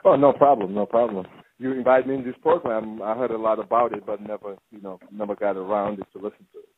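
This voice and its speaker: A young man from Senegal, a former basketball player, talking as a phone-in guest in a halting way with frequent restarts. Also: on the low side, steady tone, breathy edge. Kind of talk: casual phone interview. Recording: tinny phone line with faint hiss.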